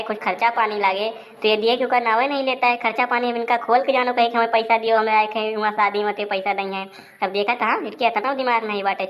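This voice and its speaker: Complaining wife in a comedy sketch, fairly high voice. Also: female voice, fairly bright tone. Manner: scolding, complaining.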